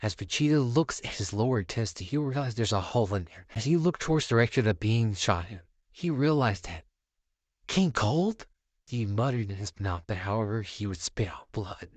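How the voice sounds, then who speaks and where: A young man narrates his fan story casually and offhand, his pitch bouncing lively as he rambles. The sound is dry and close. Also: a little fast, no room sound. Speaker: YouTube storyteller.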